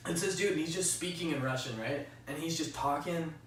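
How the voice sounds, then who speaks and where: A young man telling stories in excited bursts, swearing freely and laughing as he goes. His voice sits a bit high and carries strong room echo. He is well back from the mic, with faint hiss underneath. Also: brisk. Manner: excitable storyteller, swears a lot, laughs mid-sentence. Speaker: podcast host. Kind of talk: casual chat. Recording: roomy echo, far from mic, faint noise.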